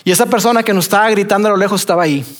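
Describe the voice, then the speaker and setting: High-voiced Mexican man telling a story. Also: racing. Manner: animated retelling with acted dialogue and fillers. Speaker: preacher telling a testimony. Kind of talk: personal storytelling testimony.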